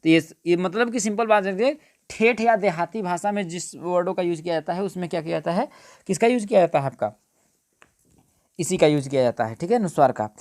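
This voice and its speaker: A man's voice: high voice, a little fast, a little mellow, dry recording, clean studio sound. Man teaching a Hindi grammar lesson. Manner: repetitive, keeps asking "what is it, friends?".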